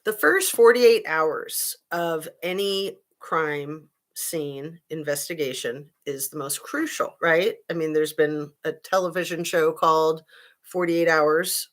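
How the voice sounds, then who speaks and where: A woman in her fifties hosts a casual live-chat commentary stream, greeting viewers between her points and using many fillers. Her slightly raspy voice sits low, and she takes things slowly.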